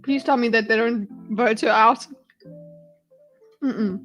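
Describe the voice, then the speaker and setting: Woman, slightly high voice, casual reaction commentary, exasperated, blunt, swearing, faint music behind. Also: steady tone, takes it slowly, fairly bright tone. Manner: exasperated, pleading asides. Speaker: livestream host reacting to a debate.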